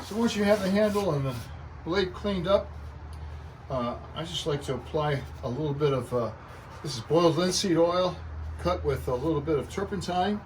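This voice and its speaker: An American man with a fairly high-set voice talks casually outdoors, as in a home garden vlog. He is plainspoken and informal, explaining practical things simply. Traffic and outdoor noise sit clearly behind him. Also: moderate pace. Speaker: garden vlogger. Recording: noisy outdoor recording with traffic. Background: traffic and outdoor ambience.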